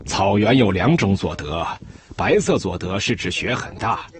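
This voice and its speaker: A man's voice: deep voice, expressive, measured pace. A man giving first-person testimony in a documentary, speaking as a herder.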